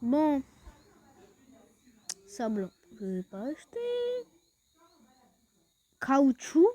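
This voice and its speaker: High-voiced woman narrating gameplay. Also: lively intonation, drawn-out words, dark tone, muffled recording. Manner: chatty, explains step by step with hesitations. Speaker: gaming video creator. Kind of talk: casual gameplay walkthrough.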